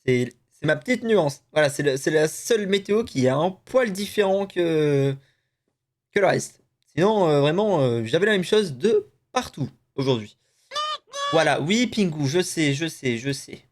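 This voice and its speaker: A man's voice: fairly high pitch, animated, a little slow. A young man from the French Basque Country chatting casually as a stream host, talking to his co-host while he plays and swearing often. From Basque Country, France. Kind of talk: casual live-stream chat.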